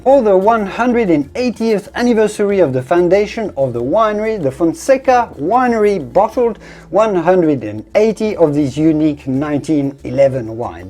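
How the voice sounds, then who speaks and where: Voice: mid-range voice, mellow. A wine connoisseur presenting a tasting in an effusive, descriptive way, leaning on emphatic superlatives. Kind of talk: presenter-style product review and tasting commentary.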